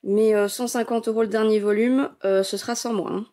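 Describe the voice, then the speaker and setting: A woman's voice: fairly high pitch, steady tone, brisk, warm tone. Chatty young woman gushing over her shelves. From France. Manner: chatty and enthusiastic, gushing, many euh fillers. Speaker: manga collection vlogger. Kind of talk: casual shelf-tour vlog narration.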